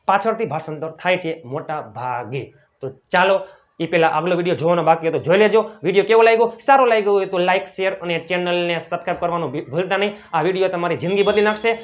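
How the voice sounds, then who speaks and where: High-voiced man teaching English. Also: fast, muffled recording. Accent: Gujarati. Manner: drills phrases, repeats each one. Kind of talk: spoken English lesson in Gujarati.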